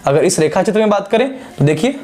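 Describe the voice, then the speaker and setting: A young man with a high voice and a Purvanchal Hindi accent teaches grammar at a board. He is emphatic and says the sounds over slowly so learners can copy them. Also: sing-song, a little mellow. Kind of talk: whiteboard grammar lesson.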